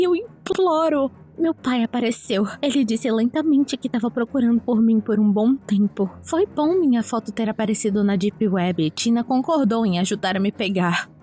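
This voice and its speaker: Female narrator, higher voice, tense dramatic read of an animated story, music bed. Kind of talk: scripted first-person story narration.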